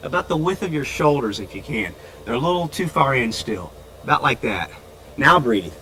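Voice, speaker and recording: A man's voice: medium pitch, very animated, moderate pace, rough recording. Encouraging man coaching a child swimmer. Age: middle-aged. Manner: encouraging, counts out loud in bursts; raises voice when child's ears are under water. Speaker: swim instructor. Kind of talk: instructional coaching. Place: indoor swimming pool.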